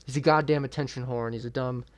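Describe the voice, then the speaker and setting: A man's voice: mid-range voice, steady tone, fast. A young man hosting his own MMA channel, ranting in a heated, profane and blunt way about a boxing match. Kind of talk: ranting reaction vlog.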